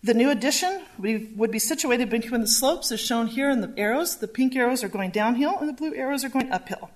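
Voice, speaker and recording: A woman staff planner presenting a zoning variance report at a public hearing, measured and reading from slides. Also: on the high side, expressive.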